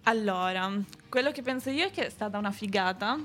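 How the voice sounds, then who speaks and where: A woman's voice: mid-range voice, lively intonation, fairly quick, fairly bright tone, soft background music. A young woman co-hosting a radio show in casual, unscripted chat, enthusiastic and informal in her phrasing. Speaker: radio co-host. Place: radio studio.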